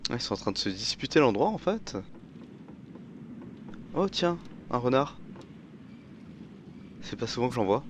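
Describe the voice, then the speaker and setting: A man's voice: mid-range voice, sing-song, moderate pace, pauses often, noisy background. A man, a native French speaker, giving casual let's play commentary. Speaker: gaming video commentator.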